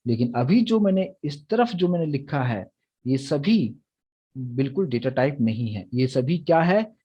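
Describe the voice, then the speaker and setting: A man's voice: medium pitch, animated, unhurried, slightly rough, highs cut off. A young man teaching a programming lecture, explaining step by step and often checking that the students follow. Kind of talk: recorded Hindi lecture on Java.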